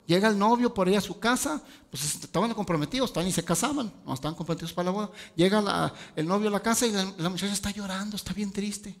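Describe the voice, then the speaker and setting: A man's voice: high-pitched, fast talker, hardly any pauses. A male pastor, preaching a sermon with rhetorical questions and casual asides. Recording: long hall reverb.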